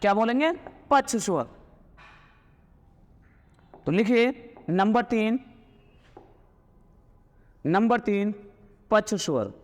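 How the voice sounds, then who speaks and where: High-voiced man teaching in a reverberant room. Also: expressive. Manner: asks and answers his own questions, dictates slowly and repeats words; sounds out vowels loudly to demonstrate. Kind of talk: classroom lecture.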